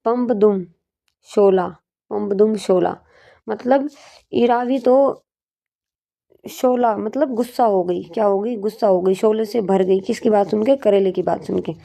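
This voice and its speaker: Woman teaching with gravelly, mellow voice. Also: medium pitch, a little slow. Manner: asks questions and answers them herself, repeats for drilling. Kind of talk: exam-prep lesson with memory tricks.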